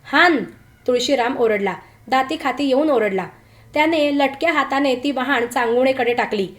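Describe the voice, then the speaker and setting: A woman tells a tale in a scripted, dramatic reading voice, sitting a little above the usual pitch for women. She takes her time over the quoted lines and gives them a rougher rural flavor. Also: moderate pace. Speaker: storyteller. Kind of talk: scripted story narration.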